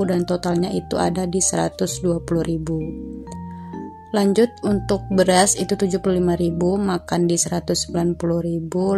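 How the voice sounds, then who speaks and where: A young adult woman, her lowish voice hoarse from a cough, records a chatty voice-over for her personal finance vlog on a home voice-over mic. She often fills pauses with "eh."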